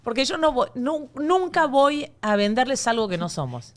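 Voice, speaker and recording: A woman's voice: high-pitched, sing-song. Argentine woman, playful podcast co-host. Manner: playful, quick banter. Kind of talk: casual chat.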